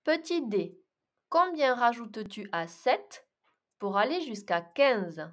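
A woman teacher speaks in a slightly high voice with very lively intonation. She is dictating exercises item by item, at a slow, deliberate pace, repeating as she goes. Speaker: primary school teacher. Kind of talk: dictating mental arithmetic exercises.

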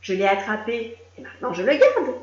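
A woman's voice: on the high side, brisk. Woman putting on a stubborn young mule. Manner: stubborn, flatly refusing. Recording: echoey room, dull lo-fi sound.

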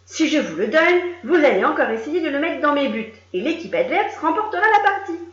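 A woman's voice: high-pitched, brisk, pitched above the performer's own voice. A woman voicing a stubborn young female mule in a storybook reading. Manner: stubborn, flatly refusing. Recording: echoey room, dull lo-fi sound.

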